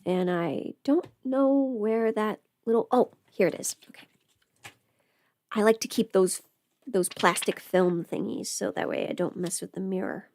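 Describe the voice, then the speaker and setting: A young woman with a medium-pitched, slightly slow, creaky and somewhat mellow voice hosts a livestream. She chats casually and talkatively, often tossing rhetorical questions at her listeners.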